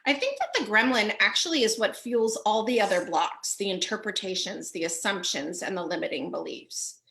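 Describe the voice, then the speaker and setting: A woman's voice: mid-range voice, lively intonation, normal speed, gravelly, sharp tone. A woman co-hosting a coaching livestream, chatting in a playful, jokey way. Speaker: co-host, life coach. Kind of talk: casual livestream chat. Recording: roomy echo.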